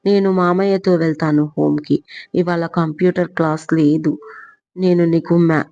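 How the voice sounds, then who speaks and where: A woman voicing a shy, timid young woman who answers quietly and hesitantly, in a dull lo-fi recording. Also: low-pitched, steady tone, normal speed, creaky, dry recording.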